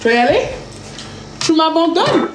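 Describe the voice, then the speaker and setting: A woman's voice: extremely high pitch, big pitch swings, moderate pace, distant mic. A woman chatting casually on a live stream from her home kitchen, playful and chatty, often singing to herself. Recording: echoey room with background noise.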